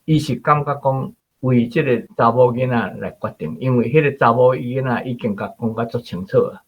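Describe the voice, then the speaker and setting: A Taiwanese-accented man talks casually about the story as a radio show guest or host, often tacking little tag particles onto his phrases. His mid-range voice has a breathy edge, and the highs are cut off.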